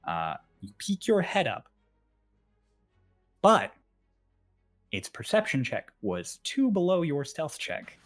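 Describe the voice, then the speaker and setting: A man's voice: fairly high pitch, wildly swooping pitch, slow, long pauses, faint music behind. A man acting as game master, narrating a tabletop game in a conversational, descriptive way.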